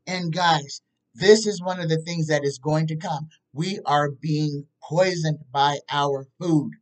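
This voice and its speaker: A woman's voice: deep voice, slow, darkish tone, distant mic, poor audio. A woman in her fifties, a tarot reader, talking casually to her webcam at home and driving points home with repeated checks. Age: 50s. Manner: emphatic, repeats points with "okay?". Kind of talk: casual talk to camera. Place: small room at home, indoors. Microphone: webcam at desk distance.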